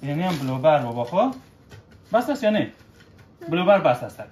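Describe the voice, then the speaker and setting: A man, gently coaching his child through baking at home, checking in with short questions. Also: on the high side, very animated, a little hiss or hum. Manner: patient, coaxing, keeps checking with short questions. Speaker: father cooking with his child. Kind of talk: casual instructional chat with a child. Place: home kitchen. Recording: echoey kitchen room.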